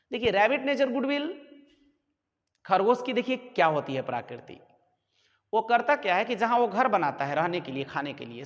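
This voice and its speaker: A man's voice: sits high, muffled recording. A male commerce teacher, giving a classroom lecture and explaining with homely examples. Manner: explains with homely examples, calls listeners "babu". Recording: echoey room with long reverb.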